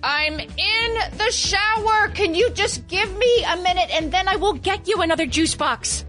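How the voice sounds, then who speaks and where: A woman performs an exasperated mom in a parody commercial. Her very high, piercing voice is bright and sharp as she complains sarcastically over faint music. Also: unhurried, heavily acted. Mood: pleading. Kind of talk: comedic ad parody acting.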